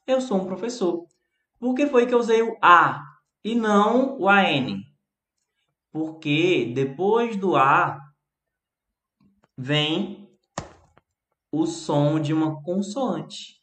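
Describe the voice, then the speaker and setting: Slow, chatty Brazilian man teaching live. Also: sits high, animated, a bit bright. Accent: Brazilian Portuguese. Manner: chatty, answers viewers by name, stretches example words. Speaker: English teacher. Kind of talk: live-streamed lesson. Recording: roomy echo.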